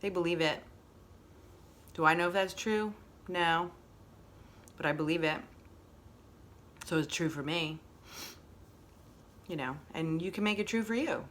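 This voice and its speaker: A woman's voice: fairly low pitch, a little slow, long pauses, fairly bright tone, slight background noise. A woman hosting a casual motivational monologue, reflective and repeating phrases for emphasis. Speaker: host.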